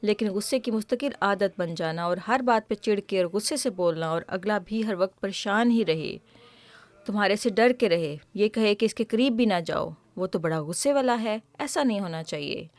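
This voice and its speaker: A patient woman host explains things gently to a child, speaking at an ordinary pitch. Her manner is teacherly, and she checks in with the child by asking questions. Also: expressive, dry recording.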